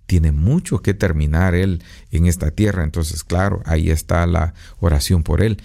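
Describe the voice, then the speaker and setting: Deep gravelly-voiced preacher in his fifties. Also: steady tone, normal speed, dark tone. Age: 50s. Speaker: radio preacher. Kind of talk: radio devotional sermon. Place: recording booth. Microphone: studio microphone.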